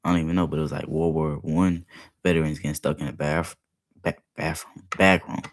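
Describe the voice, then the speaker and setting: A man's voice: very deep voice, little pitch movement, brisk. A young man chatting casually while reacting to a video, rambling with lots of filler words. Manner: rambling, heavy use of "like" fillers.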